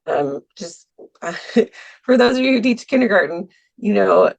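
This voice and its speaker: A woman's voice: medium pitch, expressive, unhurried, gravelly, lo-fi sound. A woman guest on a podcast, talking casually about teaching art, hesitating with many ums and small laughs. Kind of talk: casual interview talk. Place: Milwaukee, US.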